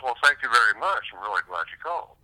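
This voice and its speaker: A man on a phone call as a guest artist, jumping in with quick, eager interjections. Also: mid-range voice, sing-song, bright, forceful tone. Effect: heard over the phone. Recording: tinny phone line.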